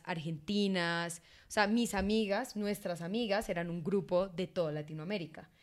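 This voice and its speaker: A young woman from Miami co-hosting a casual podcast chat, talking loudly, bluntly and with plenty of swearing. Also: on the low side. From Miami, USA. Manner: loud, brash and foul-mouthed. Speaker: co-host.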